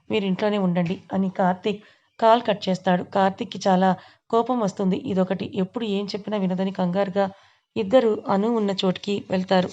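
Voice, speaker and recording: A woman narrates a serialized story at a steady, even pace, reading every character's lines in her own voice. Her tone stays flat and mellow. The recording is slightly dull and lo-fi. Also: mid-range voice.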